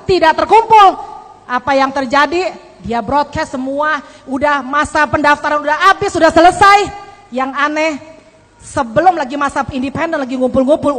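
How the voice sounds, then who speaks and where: A woman giving a lively sermon testimony to a congregation, acting out the voices in her story. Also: high-pitched. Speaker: church speaker giving testimony. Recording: long hall reverb.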